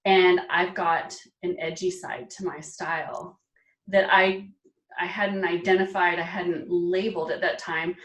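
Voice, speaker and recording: Animated woman in her forties, distant, roomy sound. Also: fairly low pitch, a little slow. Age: 40s. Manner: animated and emphatic, laughing often. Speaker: guest, personal style expert. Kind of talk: casual interview chat.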